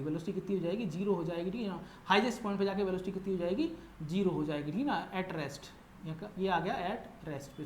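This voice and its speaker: Male physics teacher, patient lecturing, repeats every step and answers his own questions; roomy echo, faint hiss behind. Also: high voice. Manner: asks questions and answers them himself; tags nearly every line with "ठीक है ना". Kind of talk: classroom lecture mixing Hindi and English. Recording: echoey room with faint background noise.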